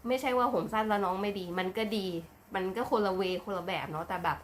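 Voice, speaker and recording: A woman's voice: medium pitch, quick pace. Woman reaction vlogger, gushing and crude, casual, faint noise behind. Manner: excited, crude slang, frequent gasps.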